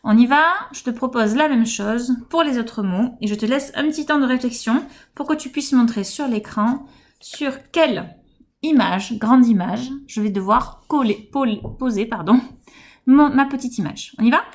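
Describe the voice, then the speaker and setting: A woman kindergarten teacher with a French accent, giving a home-school phonics lesson to young children, speaking slowly and articulating each word with gentle encouragement. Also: on the high side.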